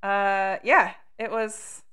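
A woman's voice: medium pitch, fairly even intonation, drawn-out words, sharp tone, clean tone. A woman co-hosting a podcast in casual chat, easygoing and rambling a little. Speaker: podcast co-host.

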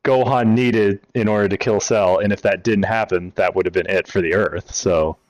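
A man's voice: on the low side, steady tone, normal speed, no room sound, poor audio. A man guesting on a podcast in casual chat, explaining earnestly.

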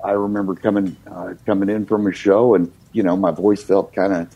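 Low-pitched and slightly rough, an older US singer-songwriter speaks fairly quickly as a guest, reflecting easily on his life with plenty of "you know" fillers. The recording sounds muffled.

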